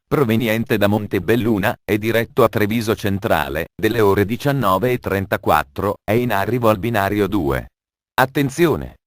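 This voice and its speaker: A man giving formal, measured train station announcements in an automated announcement style. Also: on the low side, no echo, clean studio sound.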